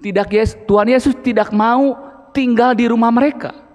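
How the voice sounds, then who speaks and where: A man's voice: very high-pitched, steady tone, normal speed, a little mellow, long reverb tail. A man preaching a sermon as a church deacon, earnest and emphatic, often turning to the congregation. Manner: earnest, emphatic, addresses listeners as brothers and sisters. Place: church hall.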